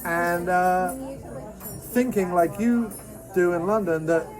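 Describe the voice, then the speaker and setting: A man's voice: high-pitched, takes it slowly, music in the background, poor audio. A man in casual, chatty conversation at a diner, agreeable and given to telling anecdotes. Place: inside a busy diner. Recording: busy diner chatter behind the voice. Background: crowd chatter.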